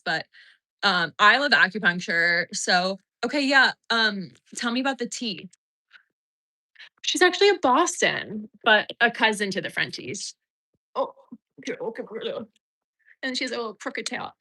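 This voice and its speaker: A woman hosts a loose livestream from her home, talking straight to her viewers. Her voice is bright and chatty, and she drifts from one small story to the next, thanking people for super chats along the way. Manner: rambling, chatty, reads super chats aloud; baby talk to her dog in a high voice. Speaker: host of a livestream show. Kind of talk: casual livestream chat with viewers.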